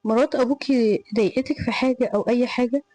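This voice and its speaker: A woman's voice: a little high, fast talker, dark tone, no room sound, lightly acted, poor audio. A woman reading the part of a protective older brother in an Egyptian Arabic accent, concerned and insistent.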